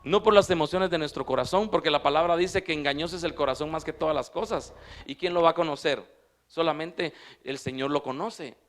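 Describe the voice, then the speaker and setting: High-voiced man preaching a sermon. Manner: preaching with frequent questions to the congregation; reads scripture aloud slowly and emphatically. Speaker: pastor.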